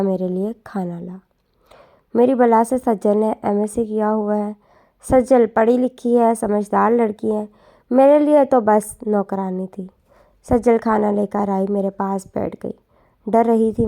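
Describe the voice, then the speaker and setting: A woman narrates an emotional story in a soft, subdued, earnest voice. Her tone is mellow and warm, with a gravelly texture. Her delivery stays gentle and low-key.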